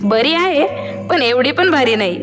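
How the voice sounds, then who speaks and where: A woman plays an earnest young woman lecturing younger boys in a high voice. It sounds like an amateur stage skit. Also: expressive, unhurried, over music. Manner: explaining, earnest.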